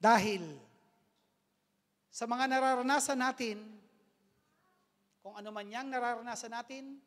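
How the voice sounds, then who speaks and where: Lay preacher, male, high for a man, emphatic sermon delivery with drawn-out pauses, long hall reverb. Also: fairly even intonation, fairly bright tone.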